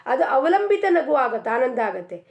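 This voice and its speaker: A woman's voice: high-pitched, big pitch swings, normal speed, a little mellow. A woman giving an earnest devotional discourse, asking many rhetorical questions. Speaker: spiritual speaker.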